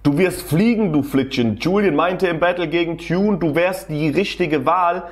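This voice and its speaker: A man's voice: on the high side, normal speed. A man casually commenting on a rap battle as a tutorial host, slangy and enthusiastic, often laughing.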